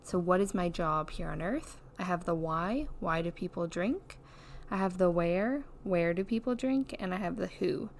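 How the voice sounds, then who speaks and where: A woman's voice: on the low side, normal speed. Young woman who says "like" a lot. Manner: chatty, says "like" a lot as a filler. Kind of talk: casual solo podcast talk. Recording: noisy background.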